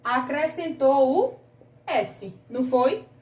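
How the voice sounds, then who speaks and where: A woman's voice: high voice, animated, takes it slowly, darkish tone, echoey room, recorded from a distance. A woman teaching a grammar lesson to children, patient and questioning, stretching out key words, with a Brazilian Portuguese accent. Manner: patient, asks the class questions, drags out words.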